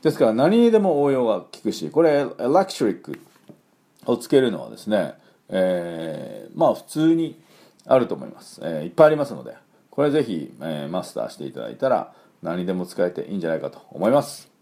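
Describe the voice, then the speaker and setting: A man's voice: deep voice, wildly swooping pitch, fast, gravelly, mellow. A man teaching English pronunciation in a casual spoken lesson, chatty with lots of fillers and repeated sound demonstrations.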